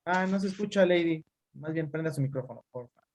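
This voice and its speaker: A man's voice: fairly high pitch, quick pace, darkish tone. A man teaching a class over a video call, calling on students by name and explaining with examples. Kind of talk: online class lecture.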